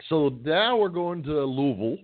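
A man's voice: fairly high pitch, animated, moderate pace, dry recording. A middle-aged man co-hosting a trucking call-in radio show, chatting casually in a rambling, joking, folksy way. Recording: dry, tinny phone-line sound.

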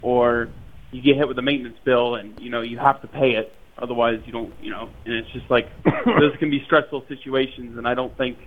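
A man's voice: medium pitch, steady tone, fairly quick. A man joining a casual talk as a guest over a call, hesitant and full of fillers. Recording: tinny phone-like call audio.

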